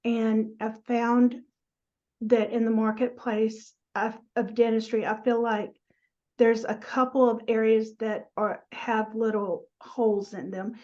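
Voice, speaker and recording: A middle-aged woman with a Southern American accent speaks conversationally as an advisor being interviewed. Her voice sits a bit high with very little pitch movement, and the video-call audio is slightly muffled. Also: a little mellow. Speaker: guest, practice transition advisor. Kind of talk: casual interview chat.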